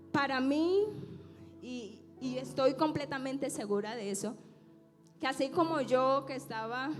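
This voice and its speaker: Woman preaching over church music. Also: fairly high pitch. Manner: chatty storytelling, many restarts, turning fervent and emphatic. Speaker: church sister giving testimony. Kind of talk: personal testimony building into preaching. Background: instrumental music.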